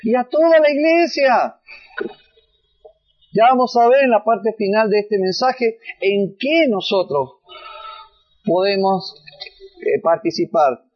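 A man with a high voice preaching a sermon to his congregation. He lifts his voice higher and louder when he reads the verses, with frequent restarts. The sound is dull and lo-fi. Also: animated, takes it slowly, pauses often. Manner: rises in pitch and volume when reading scripture, many restarts.

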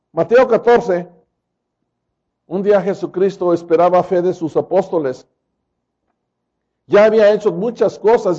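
A man preaching a sermon, slowing down and rising for dramatic quotes. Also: sits high, dark tone, dull audio.

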